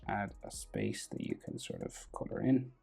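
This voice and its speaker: Gravelly, husky voice giving casual drawing instruction. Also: low voice, huge pitch swings, warm tone. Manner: halting, thinking aloud in short fragments. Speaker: drawing tutorial host. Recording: background noise and music.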